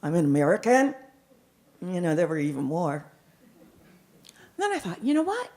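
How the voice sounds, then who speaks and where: A middle-aged woman performing as a live storyteller, with dramatic, deliberate phrasing and frequent repetition. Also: on the low side, wildly swooping pitch, mellow. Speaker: professional storyteller.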